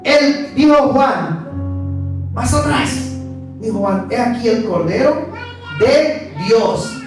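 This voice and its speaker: A pastor preaches an emphatic sermon at a slow, measured pace. The voice sounds far from the mic and rings out in a very echoey church hall, with clear instrumental music playing underneath. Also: mid-range voice, expressive. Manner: emphatic, often calling the listeners "brothers". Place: church sanctuary.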